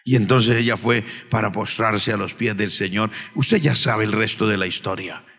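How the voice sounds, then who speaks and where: A Colombian man preaching as pastor of his church. He moves between hushed storytelling and shouted preaching. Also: lowish voice, normal speed, creaky. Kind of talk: sermon. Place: church sanctuary. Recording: reverberant church hall.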